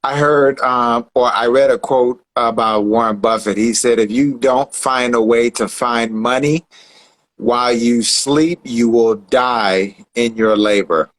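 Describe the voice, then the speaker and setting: An enthusiastic man co-hosts a casual online show and keeps building hype. His voice sits at a middle pitch. He is heard over a video call. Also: fairly even intonation, unhurried, poor audio. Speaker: co-host.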